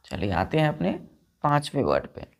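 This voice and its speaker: A woman's voice: sits low, big pitch swings, moderate pace, gravelly. A woman teaching an English vocabulary lesson to students with an Indian accent, spelling words out letter by letter and often checking whether they follow.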